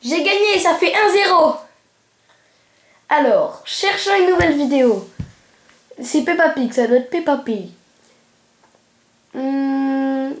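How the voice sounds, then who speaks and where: A woman's voice: high voice, lively intonation, slow, long pauses. A woman hosting a casual reaction video, commenting over a cartoon in a roomy recording with the video's sound behind. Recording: roomy echo, loud video audio behind. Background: cartoon soundtrack and music.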